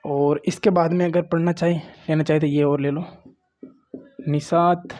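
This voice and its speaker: A man's voice: a little high, flat delivery, moderate pace, a little mellow. A man teaching grammar at a board, often saying "look" and "okay" to his students. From Rajasthan. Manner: repeats "देखो" and "ठीक है", coaxing and plain. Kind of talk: classroom lecture at a board.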